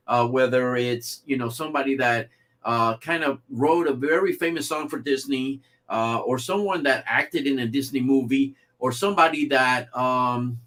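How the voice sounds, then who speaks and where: A man's voice: medium pitch, fairly bright tone. A man hosting a casual livestream about theme park news, talking loosely with many fillers and restarts. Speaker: livestream host.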